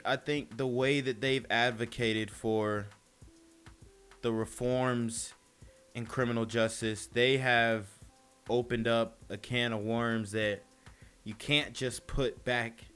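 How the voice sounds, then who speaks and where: A man delivers blunt, slang-heavy commentary at an unhurried pace. His voice is bright and crisp, and faint music plays under him. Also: medium pitch. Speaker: commentary channel host. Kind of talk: casual opinion commentary.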